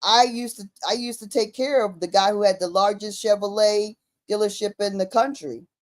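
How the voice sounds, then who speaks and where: A woman's voice: medium pitch, fairly even intonation, moderate pace. A woman with a mid-range voice gives casual commentary in conversation. She speaks emphatically and slangily, often repeating a phrase to press her point.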